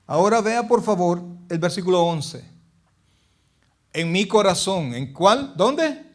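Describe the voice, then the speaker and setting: A middle-aged pastor preaching a sermon in a church, asking the congregation questions and swinging between loud and hushed passages. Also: male voice, high-pitched, lively intonation, takes it slowly.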